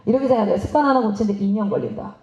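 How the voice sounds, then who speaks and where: A woman missionary giving a lively seminar talk, asking the audience questions and acting out parents and children. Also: medium pitch, very fast. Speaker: missionary speaking at a teachers' seminar. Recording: roomy, slightly dull hall recording.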